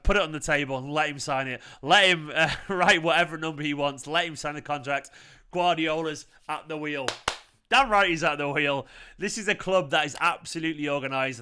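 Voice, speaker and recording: A man with a Manchester accent, hosting a live football fan reaction stream, chatting excitedly and swearing while reading viewer comments. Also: a little high, clear, resonant tone. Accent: Mancunian. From Manchester, England. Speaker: football fan channel host.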